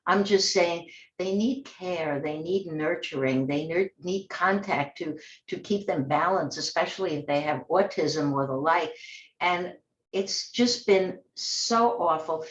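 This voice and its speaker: A woman's voice: lowish voice, a little slow, reverberant, muffled recording. A woman hosting an online talk show, speaking in a rambling, conversational monologue with frequent restarts. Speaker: host. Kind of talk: casual monologue.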